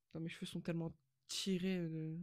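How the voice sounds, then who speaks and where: A woman's voice: lowish voice, flat delivery, brisk, a little mellow, no echo. A woman in her twenties talking to camera in a casual, rambling and self-mocking monologue that slips in English phrases. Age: 20s. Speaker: vlogger.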